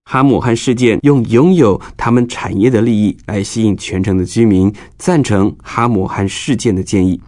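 A man's voice: fairly low pitch, moderate pace, few pauses, darkish tone, dry recording, clean studio sound. A man narrating a scripted Bible story for children, explaining things as if to young listeners.

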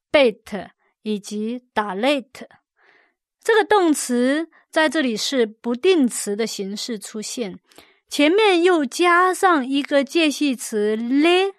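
A woman teaching a Bible word study, explaining slowly and carefully, repeating key words and adding gentle fillers as she goes. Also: high-pitched, dry recording, studio quality. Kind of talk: scripted word-study lesson.

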